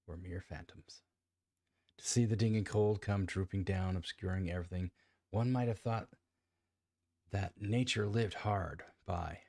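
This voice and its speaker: Deep-voiced man reading a story aloud. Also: creaky, a little mellow, dry recording, clean studio sound. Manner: stumbles, restarts lines and comments on his own reading. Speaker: amateur reader. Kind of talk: reading a classic novel aloud.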